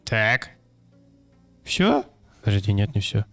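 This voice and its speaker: A young male gameplay streamer mumbles, wisecracks and thinks aloud in casual let's-play commentary on a detective game. His lowish, gravelly voice has a fairly bright tone, swings hugely in pitch and moves at a slow pace. The recording is dry, with faint music behind him.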